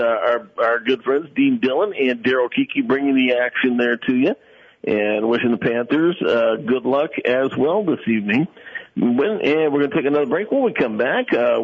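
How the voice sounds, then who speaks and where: Man, play-by-play radio announcer, loud dense radio voice, mid-pitched, easygoing with "uh" fillers, dull lo-fi sound. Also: slightly rough. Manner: conversational, scores and schedules with frequent "uh" fillers. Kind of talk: high school football radio broadcast. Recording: dull radio broadcast audio.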